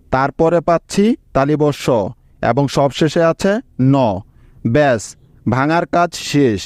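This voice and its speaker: A man with a somewhat high voice teaches a spelling lesson at a very slow, deliberate pace. He sounds out each piece of a word one at a time and keeps asking his students whether they are following. The recording is dry and close, with no room sound. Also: darkish tone, no echo. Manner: patient, slow, breaks words into syllables and checks with students. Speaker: English teacher. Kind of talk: spelling lesson explained step by step.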